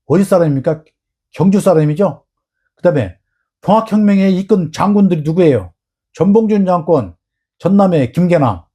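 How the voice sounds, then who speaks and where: A man's voice: a little high, warm tone, slightly rough. A man giving solo political history commentary, emphatic and full of rhetorical questions, sometimes acting out quoted exchanges. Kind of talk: solo lecture-style commentary.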